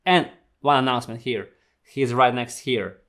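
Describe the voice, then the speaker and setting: A young adult man whose first language isn't English hosts a reaction vlog from a small indoor home studio, chatting casually, giggling and swearing plenty. His medium-pitched voice is a bit bright and moves at normal speed.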